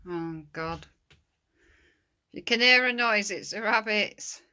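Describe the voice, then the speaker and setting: A woman with a bright, sharp voice films a casual ghost hunt on her stairs. She chats along and calls out loudly to the spirits. It is recorded on a phone she holds in her hand indoors. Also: mid-range voice, slow. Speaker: amateur ghost hunter. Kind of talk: casual home ghost-hunting vlog. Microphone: handheld phone.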